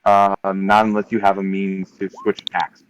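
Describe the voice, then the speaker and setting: A man acting as game master, describing a tabletop combat in vivid, unhurried detail with frequent ums. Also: deep voice, monotone, a little hiss or hum, low-quality recording.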